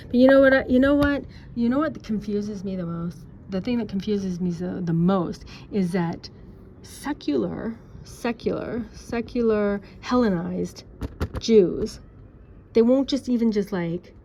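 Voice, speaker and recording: A woman's voice: medium pitch, gravelly, mellow, slight background noise. A woman talking to camera in a personal opinion monologue, full of rhetorical questions and sarcastic asides. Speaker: vlogger. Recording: dull lo-fi recording.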